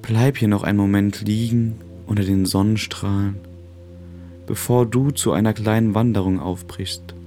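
A man narrating a guided relaxation in a calm, gentle, soothing way, with long pauses. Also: on the low side, faint music behind. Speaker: podcast host.

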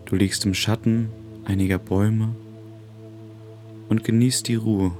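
A man narrating a guided relaxation in a calm, gentle, soothing way, with long pauses. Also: lowish voice, soft background music. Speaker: podcast host.

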